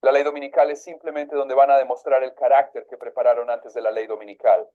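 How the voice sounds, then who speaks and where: A man's voice: medium pitch, flat delivery, quick pace, narrow, tinny audio. A man preaching, reading a religious text aloud and breaking off to comment on it in his own words.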